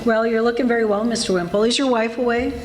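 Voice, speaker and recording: A woman playing a patient, sympathetic housewife in 1940s-style radio comedy, polite and gently wry. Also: on the high side, fairly even intonation, fast, slight background noise, natural voice. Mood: sympathetic, curious.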